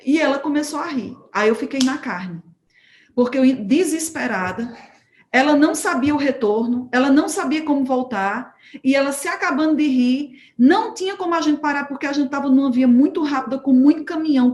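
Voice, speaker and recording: A woman preaching at a church home group, telling a testimony as a lively story and acting out the dialogue. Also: high voice, a little fast, reverberant. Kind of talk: sermon testimony told as a story.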